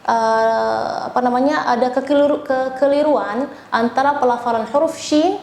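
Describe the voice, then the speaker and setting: A woman's voice: sits high, a little mellow. Over-enunciating Indonesian woman teacher, echoey room. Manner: over-enunciates example sounds and words, slowly drawn out. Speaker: Quran recitation teacher. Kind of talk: spoken lesson with feedback and demonstrations. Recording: echoey room, faint background noise.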